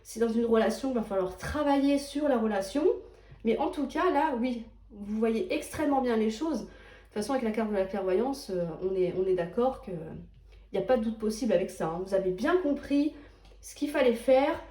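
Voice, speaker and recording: A woman's voice: a little high, expressive, moderate pace, warm tone, echoey room. Chatty woman reading tarot. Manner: reassuring, chatty, checks in with "d'accord?". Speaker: tarot reader. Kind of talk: tarot card reading monologue.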